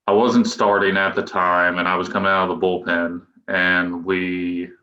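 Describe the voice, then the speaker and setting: Deep-voiced young man in an echoey room. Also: flat delivery, normal speed, bright, forceful tone. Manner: rambling, loose, with restarts and chuckles. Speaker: guest, professional baseball pitcher. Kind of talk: casual podcast interview. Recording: echoey room, dull lo-fi sound.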